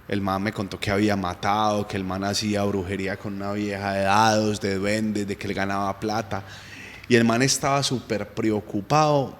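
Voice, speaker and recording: Colombian man telling a lively testimony. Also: on the low side, normal speed, in a large hall, a little hiss or hum. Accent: Colombian Spanish. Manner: lively, self-mocking, chuckles often. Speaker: guest giving a faith testimony. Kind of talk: casual storytelling testimony.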